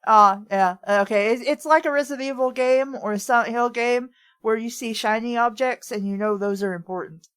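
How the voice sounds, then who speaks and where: The host of a comedy reading show, this woman swaps casual, incredulous banter and commentary while reading a story aloud, swearing and breaking into laughs. Her fairly high voice is brisk with few pauses, clear, resonant and a bit bright.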